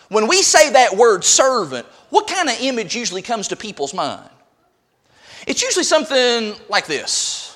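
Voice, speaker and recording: Lively high-voiced preacher. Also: male voice. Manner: animated preaching, asks the congregation questions. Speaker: pastor. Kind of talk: sermon.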